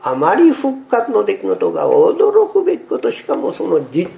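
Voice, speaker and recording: Male pastor, sermon, high gravelly voice, roomy echo. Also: moderate pace, highs cut off, slight background noise. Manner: acts out quoted speech, expressive.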